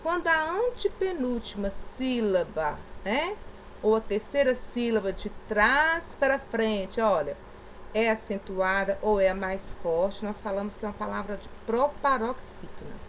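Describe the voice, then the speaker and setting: A woman's voice: mid-range voice, lively intonation, a little slow, a little hiss or hum, rough recording. A Brazilian woman from the southeast, a primary school teacher patiently explaining a lesson and stressing syllables aloud.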